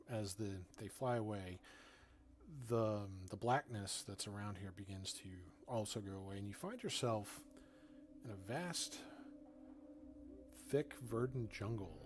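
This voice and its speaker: A man narrating a tabletop game as game master, improvising haltingly with pauses mid-sentence. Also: on the low side, a little hiss or hum.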